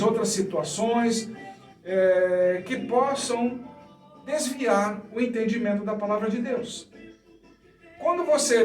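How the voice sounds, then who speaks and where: A high-voiced man with a Brazilian Portuguese accent delivers a teaching sermon in an echoey room, recorded with the mic at a distance. His manner is didactic, posing questions and answering them himself.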